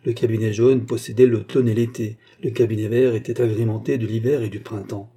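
Dark-voiced male audiobook narrator. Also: lowish voice, fairly even intonation, a little fast, husky.

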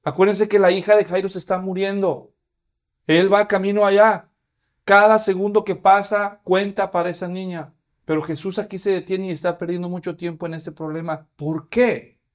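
A man's voice: high-pitched, fairly even intonation, normal speed. A man, preaching a sermon as pastor and asking his congregation questions.

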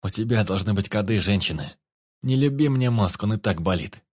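A man voicing a brash, cornered male fugitive who talks roughly and mockingly. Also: fairly low pitch, animated, brisk, a little mellow. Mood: rough angry.

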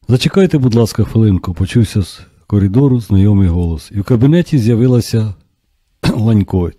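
A man reading an audiobook as narrator in a steady, even scripted narration. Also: fairly low pitch, husky, no echo.

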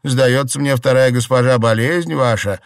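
A humble, chatty old country grandmother performed by a man, her voice lifted high into exclaiming, drawn-out cries. She fusses and marvels without pause. The reading is close and dry. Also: dry recording, natural voice. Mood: fussing, exclaiming. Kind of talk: audiobook character voice.

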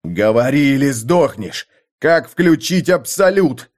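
A man's voice: mid-range voice, lively intonation, takes it slowly. A man voicing a brutal young mercenary who snarls threats. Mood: furious.

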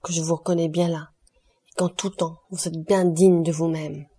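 A woman's voice: fairly low pitch, little pitch movement, moderate pace, dark tone, breathy edge. Woman reading as a cold, sardonic count. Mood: declaiming. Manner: cool, ironic, declaiming.

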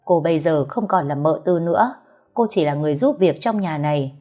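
A woman's voice: low-pitched, animated, fairly quick, mellow, faint music behind. Audiobook figure: a stern older housekeeper with a steely, firm tone, voiced by the woman reader.

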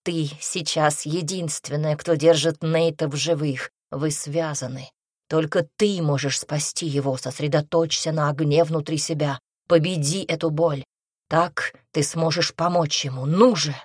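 A woman's voice: low-pitched, steady tone, unhurried, darkish tone, husky, no echo, studio quality. A woman voicing a male prince who speaks steadily and urges the heroine on with commands. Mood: commanding.

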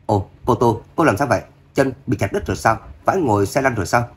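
A man's voice: fast talker, husky, natural voice. A man voicing a spiteful rich young woman who mocks and sneers in an audiobook. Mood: mocking. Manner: sneering, shrill when angry.

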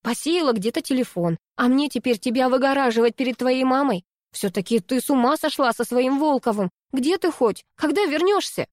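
A woman reading a story and voicing an exasperated young woman scolding her best friend in a sharp, indignant way. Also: sits high, expressive, moderate pace, no echo, studio quality, pitched above the performer's own voice.

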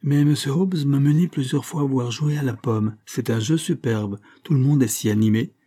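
A man voicing an eager young boy in a read-aloud storybook, lively and earnest. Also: medium pitch, moderate pace, voice pushed up, close to an everyday voice. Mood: excited. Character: eager, bright young boy, a little lord.

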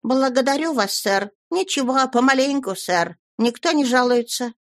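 A timid, deferential young man from a storybook reading, his voice pitched high. He pleads earnestly and keeps addressing his elder as sir. A woman performs him. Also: expressive, normal speed.

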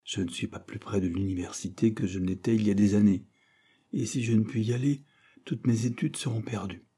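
A man's voice: on the low side, fairly even intonation, brisk, warm tone, husky. A man voicing an earnest, determined young student in an audiobook. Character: eager young man, poor student set on university.

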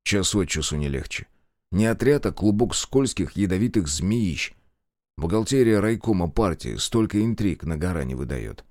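A man narrating a war story in an expressive, measured reading. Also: low-pitched, no room sound, studio quality. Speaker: audiobook narrator. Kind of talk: scripted narration.

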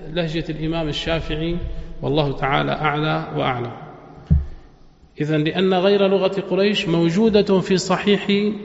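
A man's voice: a little high, vocal fry. A man, a sheikh giving a religious lesson who asks listeners rhetorical questions and chants verses melodically. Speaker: sheikh teaching Quran exegesis. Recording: echoey hall, dull lo-fi sound.

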